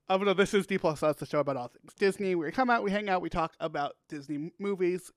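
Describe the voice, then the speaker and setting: A man's voice: high voice, fairly quick, dry recording. Upbeat male podcast host, dry sound. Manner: upbeat, rambling with fillers. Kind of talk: casual podcast chat.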